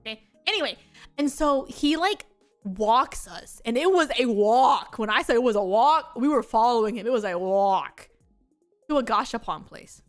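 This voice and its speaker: High-voiced giggly young woman streamer. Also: lively intonation, normal speed, faint music behind. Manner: rambling and giggly, with frequent laughs and filler words. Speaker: VTuber streamer. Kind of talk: casual chat stream, storytelling.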